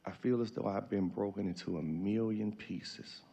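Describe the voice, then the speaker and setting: A middle-aged man with a husky, gravelly voice giving an emotional, tearful farewell speech as a grieving father, halting as he goes. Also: lowish voice, fairly even intonation, dark tone.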